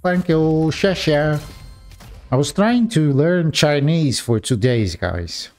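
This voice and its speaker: A young man giving casual gameplay commentary, talking straight to his viewers with frequent excited exclamations. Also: fairly high pitch, takes it slowly, faint music behind.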